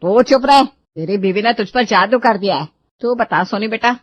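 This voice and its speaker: A woman voicing a sharp-tongued traditional mother-in-law who scolds loudly in a cartoon story. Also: animated, moderate pace, no echo, lightly acted. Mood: bossy. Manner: scolding, shrill and loud. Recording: dull lo-fi dry recording.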